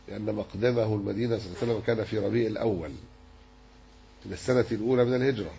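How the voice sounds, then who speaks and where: A man teaching a religious lesson, measured and explanatory as he works through a hadith commentary. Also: fairly low pitch, vocal fry, a little mellow. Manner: measured, explanatory, dwells on word forms. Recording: dull lo-fi recording with faint hiss.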